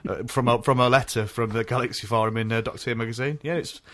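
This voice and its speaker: A man, co-hosting a casual podcast, chatty and quick to laugh as he rambles through memories. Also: mid-range voice, fairly even intonation, a bit bright, dry recording. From North East England. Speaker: podcast co-host.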